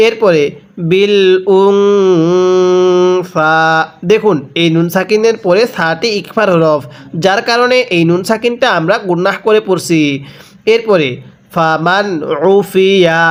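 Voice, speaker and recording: A man with a Bangladeshi Bengali accent teaching a step-by-step Quran recitation lesson, spelling out letters and rules, asking how to read each word, then chanting it slowly. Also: high voice. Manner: asks rhetorical questions before each reading.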